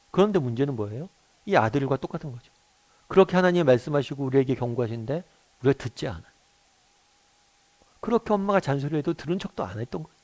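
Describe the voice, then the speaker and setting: A man's voice: mid-range voice, darkish tone. A middle-aged male pastor giving a morning devotional sermon, earnest, often putting questions to his listeners.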